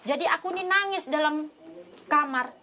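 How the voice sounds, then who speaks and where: High-voiced woman, pleading testimony. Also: moderate pace, bright, forceful tone. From North Sumatra, Indonesia. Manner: earnest, pleading, acts out her prayers and dialogue. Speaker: interviewee giving a conversion testimony. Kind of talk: emotional personal testimony.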